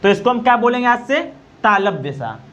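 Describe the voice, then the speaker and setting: A male teacher giving an exam-prep grammar lesson, quizzing students, repeating answers and slowly demonstrating sounds. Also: high voice, sing-song, fairly bright tone. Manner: quizzing, repeats answers, asks "okay?" often. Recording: dull lo-fi recording.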